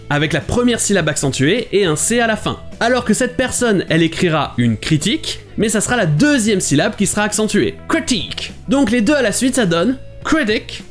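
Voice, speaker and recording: A man from France hosting a short video lesson, explaining pronunciation clearly and methodically. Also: sits high. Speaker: English teacher and host.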